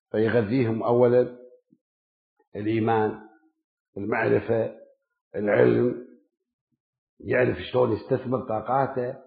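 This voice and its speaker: Man preaching on a tinny, echoey line. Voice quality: emphatic, rhythmic listing of words, rising then dropping low. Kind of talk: sermon. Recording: echoey, phone-like lo-fi recording.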